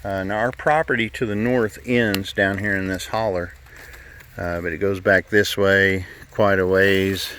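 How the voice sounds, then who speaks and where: His low voice is steady, a little slow and fairly bright, with some slight hiss or hum in the recording. He's a middle-aged vlogger casually narrating a hike through woods and fields, folksy and relaxed, out of breath at times.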